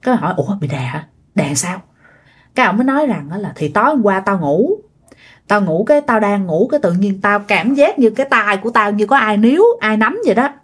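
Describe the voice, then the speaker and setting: A woman telling ghost stories in a casual spoken way, lively and repeating phrases to build suspense. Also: mid-range voice, fast talker. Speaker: ghost story narrator.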